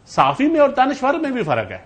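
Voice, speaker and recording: A man's voice: very high-pitched, wildly swooping pitch, slightly rough. A man who is a politician guest arguing his party's line in a heated TV talk-show debate, often talking over the others. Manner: argumentative, talks over others.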